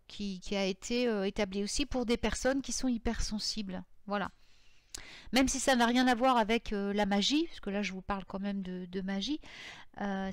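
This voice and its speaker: A woman vlogger giving casual advice on magical sleep habits, hesitant and full of fillers and restarts, sometimes reciting mantras slowly syllable by syllable. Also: fairly high pitch, clear, resonant tone, dry recording, clean studio sound. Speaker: witchcraft vlogger.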